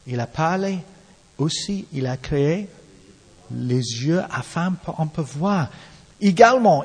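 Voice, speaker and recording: A man with an English accent preaching a sermon in halting French, restarting his words often. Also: fairly high pitch, slightly rough, in a large hall.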